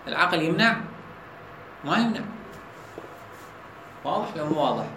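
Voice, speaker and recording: A man with an Iraqi Arabic accent teaching a logic lesson, often asking his students whether the point is clear. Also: on the high side, very animated, moderate pace, sharp tone, slight background noise. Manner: asks students checking questions. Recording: echoey room with faint ambience.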